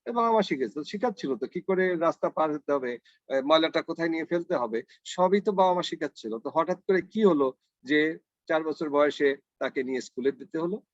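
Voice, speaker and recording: A man's voice: a little high, animated, fairly quick, no echo. A university professor giving a conversational lecture to teachers. He tells short stories, asks rhetorical questions and drops in English phrases. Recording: dry, dull lo-fi recording.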